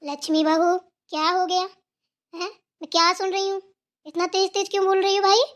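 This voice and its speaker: A woman's voice: very high-pitched, flat delivery, moderate pace, a bit bright. Stern old grandmother, as a woman voices her. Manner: scolding, authoritative. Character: stern elderly grandmother scolding the daughters-in-law.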